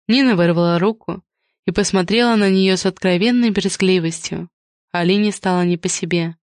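A woman narrating an audiobook in a measured, even storytelling manner. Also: on the low side, no room sound, studio quality. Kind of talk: scripted narration.

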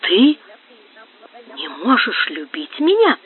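A man's voice: very high voice, expressive, normal speed. A man reading a heartbroken, jealous young man with anguished intensity, heard through a narrow phone-like sound.

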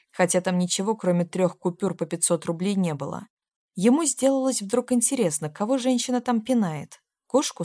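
A woman narrating a novel in a measured, expressive reading. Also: lowish voice. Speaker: audiobook narrator. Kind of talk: scripted narration.

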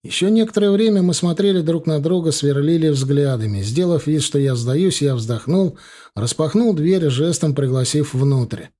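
A man reading a first-person audiobook story in a cool, measured voice. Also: on the high side, mellow. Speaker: audiobook narrator.

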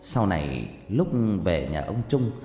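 A man narrating a horror story with dramatic, expressive delivery. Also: low voice, measured pace. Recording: echoey reverb with background music.

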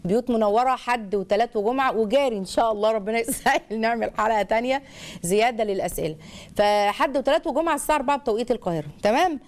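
A woman's voice: on the high side, very fast. A woman with an Egyptian accent hosting a live call-in parenting advice show, chatty and reading out viewer comments. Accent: Egyptian Arabic.

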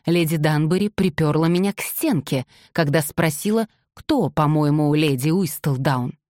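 Indignant young woman, low voice, dry close sound, read by a woman narrator. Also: measured pace, a little mellow, no echo. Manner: indignant, insistent. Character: proud young woman, secret gossip writer. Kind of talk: audiobook character reading.

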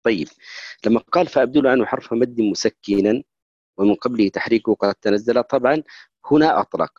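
A man's voice: mid-range voice, brisk, darkish tone, no echo, highs cut off. A man teaching recitation rules in a lecture, often checking in with listeners and stopping to restart his words. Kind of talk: explanatory lecture.

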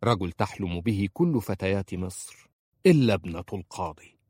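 A man's voice: low-pitched, lively intonation, normal speed, darkish tone, husky, dry recording, studio quality. A man voicing an earnest young bookseller. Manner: earnest, respectful pleading. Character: young orphan male bookseller, polite and persistent. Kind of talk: audiobook character voice.

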